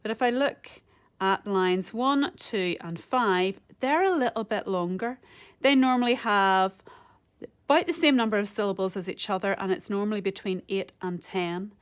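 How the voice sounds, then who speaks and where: A woman, a primary school teacher giving a recorded home-learning lesson, counting lines and syllables slowly and carefully. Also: medium pitch, clear, resonant tone. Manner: slow, careful counting and sounding out rhythm.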